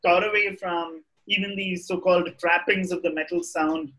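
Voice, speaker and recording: A man's voice: high voice, steady tone, moderate pace, sharp tone, low-quality recording. A man with an Indian English accent chatting casually and giving opinions as a podcast guest, often repeating and restarting his phrases.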